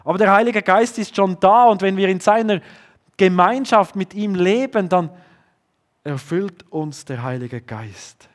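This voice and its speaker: A man preaching a sermon, often dropping to a low hush to stress a point. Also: lively intonation, a little slow. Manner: earnest, drops to a low hush for emphasis.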